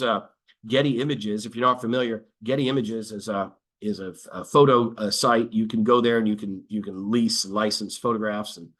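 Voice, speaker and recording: A man's voice: on the low side, a bit bright. A man giving a webinar presentation as a lawyer, explaining in a conversational way with many fillers and restarts and occasional dry sarcasm.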